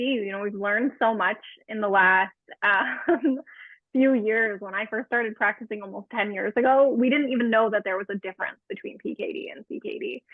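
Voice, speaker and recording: A woman's voice: mid-range voice, no echo. A woman in her thirties, a dietitian, explaining nutrition in a friendly way with many fillers during a live webinar cooking demo. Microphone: remote webinar call. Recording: tinny phone-like webinar audio.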